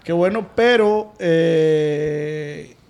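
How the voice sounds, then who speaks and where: A man's voice: on the high side, very slow, darkish tone. A man with a northern Mexican, Sinaloan accent hosting a casual chat, using crude slang and joking. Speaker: podcast host.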